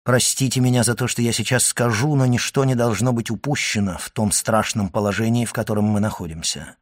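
A man voicing a grave, hushed doctor. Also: fairly even intonation, fairly quick, no echo, clean studio sound, lightly acted. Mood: hushed probing. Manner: low, hushed, urgent questioning. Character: grave, probing male doctor questioning an old man.

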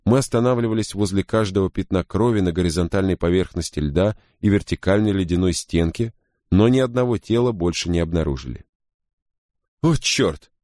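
Deep-voiced man narrating a grim story. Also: brisk, mellow, no echo, clean studio sound. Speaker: audiobook narrator. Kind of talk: scripted first-person narration.

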